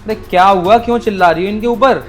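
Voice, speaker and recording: A woman's voice: mid-range voice, quick pace, soft background music, lightly acted. A woman acting a young husband and protective elder brother in a family skit, asking questions in exasperation. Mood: puzzled. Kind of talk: amateur Hindi web-skit acting.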